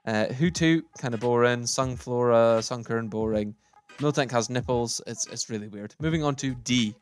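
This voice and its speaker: A man talks through a tier list in a loose, casual way, stating his likes and dislikes bluntly and thinking aloud as he moves things around. His voice sits at an ordinary middle pitch. Faint music plays underneath. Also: normal speed. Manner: opinionated, thinking aloud while sorting. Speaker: gaming YouTuber.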